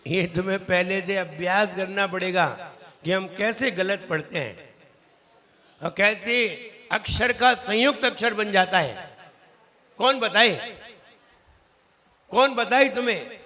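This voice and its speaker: High, bright-voiced monk drilling pronunciation. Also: male voice. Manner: corrects students, drills syllables slowly. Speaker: Jain monk teaching recitation. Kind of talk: recitation class, correcting pronunciation. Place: temple hall. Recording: long reverberant hall.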